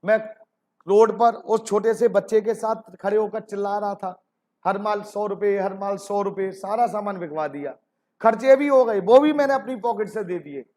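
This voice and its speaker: A man's voice: high-pitched, moderate pace, a little mellow, close to an everyday voice. A man playing a greedy male business partner who coaxes and pleads for his commission. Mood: wheedling.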